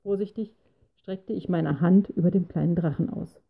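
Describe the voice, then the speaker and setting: A woman narrating a story in a measured, steady way, her voice low and very dark. A gravelly creak and a husky edge run through her reading. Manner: measured first-person storytelling.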